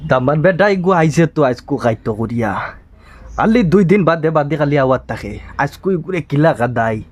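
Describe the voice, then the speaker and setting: A man's voice: on the high side, animated, moderate pace. An actor with a Sylheti accent playing an exasperated older father-in-law who grumbles and schemes in asides. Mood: scheming. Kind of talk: regional comedy drama acting.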